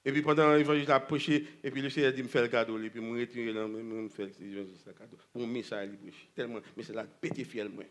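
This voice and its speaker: A man preaching a sermon at a church convention, swinging between shouting and hushed storytelling. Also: mid-range voice, fairly even intonation, quick pace, hardly any pauses.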